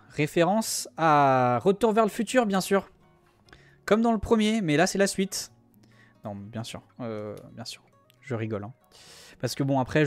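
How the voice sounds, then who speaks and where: A man's voice: on the high side, darkish tone, no echo. A young man streaming, chatting casually and joking with his chat, teasing and rambling.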